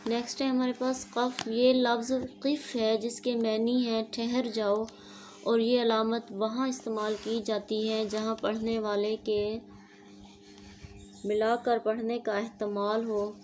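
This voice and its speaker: Against a little background noise, a fairly high-pitched female teacher works through an online Quran lesson one step at a time. Her delivery stays steady, and she drops in English words now and then.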